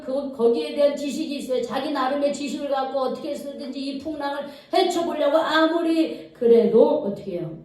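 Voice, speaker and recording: High-voiced lady preacher, warm tone, keeps asking the congregation questions, distant mic in a big echoey hall. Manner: lively storytelling, quizzing the congregation. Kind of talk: sermon. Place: church sanctuary.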